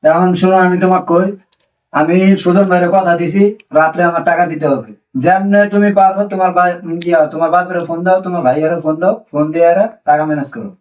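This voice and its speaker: A man's voice: sits high, steady tone, fast, lo-fi sound, natural voice. An actor playing a husband back from years abroad who insistently demands his savings, with a Bangladeshi accent. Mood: angry. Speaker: returned migrant worker. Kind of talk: amateur drama acting. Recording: voice distant from the mic.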